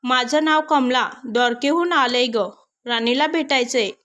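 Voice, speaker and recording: A woman's voice: sits high, measured pace, a bit bright. A woman voicing an angry, proud old beggar woman who scolds indignantly in a storybook tale. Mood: weary.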